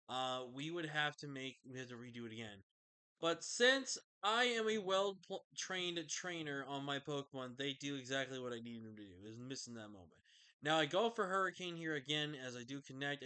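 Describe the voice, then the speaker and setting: Sleepy, bright-voiced game commentator man. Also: medium pitch, clean tone. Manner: chatty, loose, with fillers and self-corrections. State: sleepy, yawning late at night. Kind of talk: casual gameplay commentary.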